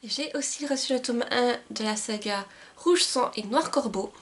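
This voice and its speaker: A woman's voice: a little high, moderate pace. A woman book vlogger talking casually and enthusiastically about books she received, with frequent filler words. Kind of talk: casual book haul chat.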